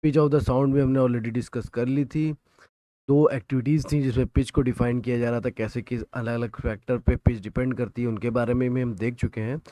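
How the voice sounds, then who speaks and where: A man's voice: mid-range voice, fairly even intonation, mellow, no room sound. Man with an Indian accent teaching physics. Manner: explains in Hindi, reads English definitions slowly. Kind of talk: recorded physics lesson.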